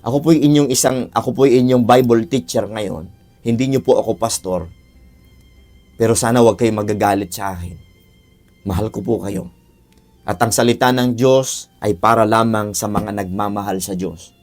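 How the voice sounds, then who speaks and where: A man's voice: lowish voice, moderate pace, darkish tone. A man teaching a Bible lesson, earnest, calling his listeners brothers and sisters and repeating key phrases for emphasis. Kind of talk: Bible teaching on child discipline. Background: faint music.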